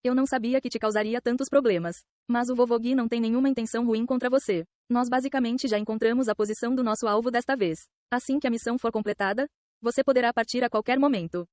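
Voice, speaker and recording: A woman voicing a gentle, apologetic young woman. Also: steady tone, fast talker, no room sound, natural voice. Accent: Brazilian Portuguese. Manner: soft, lowered voice.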